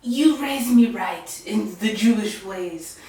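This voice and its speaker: Casting: woman as a bubbly young daughter; lively high voice, distant roomy mic. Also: takes it slowly. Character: sweet, eager young adult daughter. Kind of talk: improvised sitcom acting.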